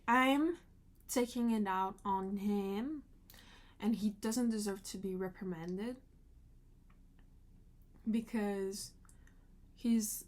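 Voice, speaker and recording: Slow-talking, fed-up woman venting. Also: on the high side. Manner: frustrated, emotional, swears often. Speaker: vlogger. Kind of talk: venting storytime vlog.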